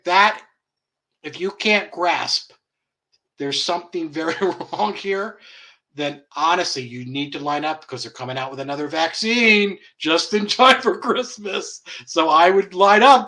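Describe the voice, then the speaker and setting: A man's voice: mid-range voice, bright, forceful tone. A man hosting an online commentary show, blunt and profane, chuckling mockingly as he rants. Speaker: host.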